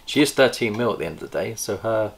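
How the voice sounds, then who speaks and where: Recorded on a camera across a table, this middle-aged host of a snake-breeding vlog talks from his indoor reptile room in a relaxed show-and-tell style. His lowish voice is expressive and creaky, with a slight hiss or hum. Chatty and eager, he stops at times to remember specifics.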